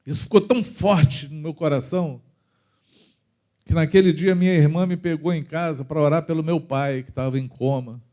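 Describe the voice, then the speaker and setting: A man with a Brazilian accent preaching a testimony in church, moving between loud and soft passages as he tells his story. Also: a little high, moderate pace. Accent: Brazilian Portuguese. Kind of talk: sermon testimony.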